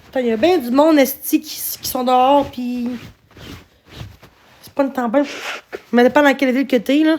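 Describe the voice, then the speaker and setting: Québécois woman livestreamer, high voice, profane, repetitive rant with sudden yelling. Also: fairly even intonation, moderate pace, long pauses. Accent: Québécois French. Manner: swears constantly, rants and repeats herself; bursts into shouting. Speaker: livestreamer answering her chat. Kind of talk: live-stream rant.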